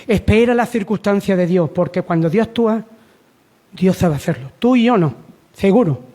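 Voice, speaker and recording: Using repetition and rhetorical questions, a Spanish preacher exhorts his listeners during a sermon. He speaks at normal speed in a high-pitched, mellow voice with lively intonation.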